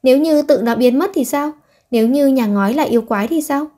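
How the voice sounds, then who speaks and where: A woman's voice: high-pitched, brisk, warm tone. A woman voicing a curt, proud young woman. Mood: probing. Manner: curt and scolding. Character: proud sharp-tongued young woman, impatient.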